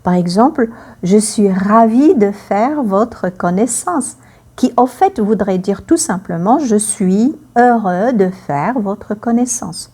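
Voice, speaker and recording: A woman teaching a French lesson, speaking slowly and clearly, repeating phrases for learners and acting out the emotions in her example sentences. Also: medium pitch, lively intonation, dark tone.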